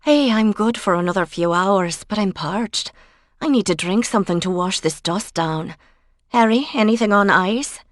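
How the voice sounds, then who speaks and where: A woman narrator voicing a brisk, practical woman researcher in a cozy mystery audiobook, businesslike and chatty. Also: fairly low pitch, no echo, studio quality, natural voice. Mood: chummy.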